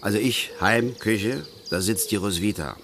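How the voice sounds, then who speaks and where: An actor playing a bitter, stubborn middle-aged angler in a radio play, ranting in a gruff, pedantic way. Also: male voice, lowish voice, a little slow, a bit bright, a little hiss or hum. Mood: grumbling.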